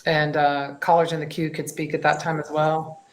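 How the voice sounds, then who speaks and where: A woman's voice: low voice, level tone, moderate pace. A woman mayor chairing a council meeting, procedural and a little hesitant.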